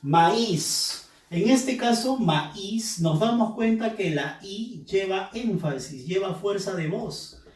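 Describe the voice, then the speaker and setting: A man's voice: high-pitched, expressive, slow pace, a little mellow. A male teacher giving a recorded review lesson, explaining patiently and repeating key terms. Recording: roomy echo, mic at a distance.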